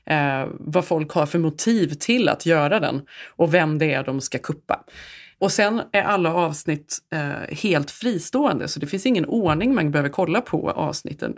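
A young adult podcast co-host in casual chat, enthusiastically recommending things. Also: medium pitch.

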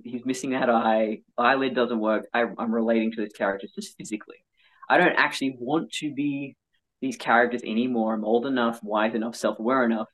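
A male-sounding voice in conversation, giving candid personal stories as an interview guest. The delivery is frank and animated, with a self-mocking streak and a medium pitch. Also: rough recording.

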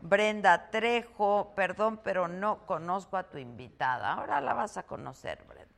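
A woman's voice: mid-range voice, expressive, normal speed, vocal fry. A woman hosting a live talk show from a hotel, chatty and teasing, reading out viewer greetings and trailing off in repetitions. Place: hotel on the Mexican Caribbean coast.

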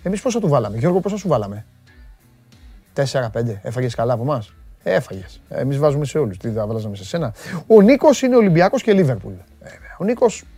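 A man hosting a live sports show, chatting casually and teasing his viewers in a loud, rough voice. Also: fairly high pitch, sing-song, dry recording, soft background music. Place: studio.

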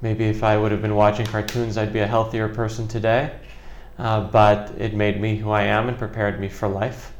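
This middle-aged political journalist from the Chicago area speaks with an American accent as an interview guest, answering questions conversationally with wry, joking humor. His voice is on the low side with little pitch movement and a moderate pace. The sound is roomy, recorded in an office inside a parliament building.

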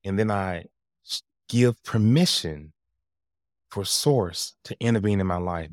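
A man with a low, magnetic voice, speaking as a podcast guest and coach in an animated, emphatic conversational storytelling style. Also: no room sound, clean studio sound.

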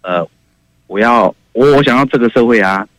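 A man calls in to a talk radio show and answers haltingly, full of fillers. His pitch is mid for a man. The voice sounds dry. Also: a bit bright, no room sound. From Taiwan. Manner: hesitant, halting, with many fillers. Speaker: caller.

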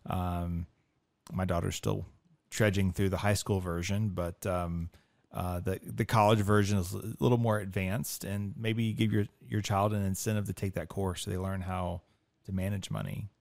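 A man's voice: sits low, flat delivery, normal speed, gravelly, darkish tone, no echo. A middle-aged man with an American accent, hosting a casual podcast discussion. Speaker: podcast host, financial advisor.

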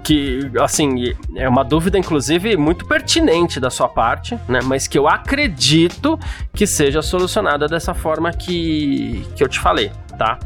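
A man with a Brazilian accent co-hosting a podcast, casually answering listener messages and thinking out loud as he explains. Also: on the high side, big pitch swings, normal speed, faint music behind. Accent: Brazilian Portuguese. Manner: explains at length, hedging and speculating aloud. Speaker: podcast co-host.

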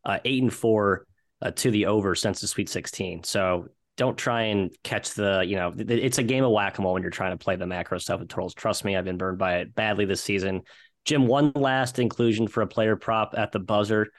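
A man's voice: lowish voice, brisk, dry recording, clean studio sound. A man giving betting picks as an analyst in casual sports chat.

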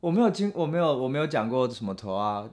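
A woman's voice: very deep voice, sing-song, fast, crowd noise. A woman co-hosting a casual podcast, speaking with a Taiwanese accent. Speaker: podcast co-host. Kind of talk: casual chat. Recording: very noisy, with clicks.

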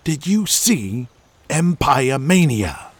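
A man's voice: medium pitch, sing-song, normal speed, slightly rough, pitched above the performer's own voice. A man voicing a brash, boastful washed-up male movie star with a swaggering wiseguy manner. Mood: scheming.

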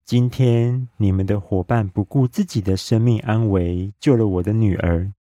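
A dignified male chief from a bedtime story, played by a man reading aloud, speaks with calm, solemn authority. The voice sits low and mellow. The sound is close and dry. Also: moderate pace, dry recording, muffled recording, lightly acted.

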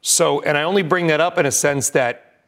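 An American man anchoring live business news, giving rapid market updates and breaking-news commentary in short, clipped phrases. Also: on the high side, gravelly, a bit bright.

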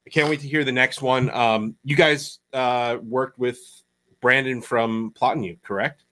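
Guy co-hosting a podcast, chill and hyped, trips over his words a bit, mid pitch. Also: steady tone, unhurried, bright, forceful tone. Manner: laid-back, enthusiastic, stumbles over words. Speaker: podcast co-host. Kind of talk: casual chat.

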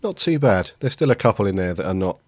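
A man hosting a casual podcast, his voice croaky and raspy from a head cold, a touch of man flu. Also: low voice, animated, fast, no echo, studio quality. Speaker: podcast host.

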